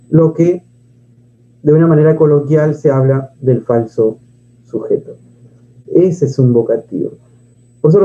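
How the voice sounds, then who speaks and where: A man teaches a grammar lesson in a fairly high, very dark and mellow voice. He asks and answers his own questions and reads verses aloud. The recording sounds dull and lo-fi.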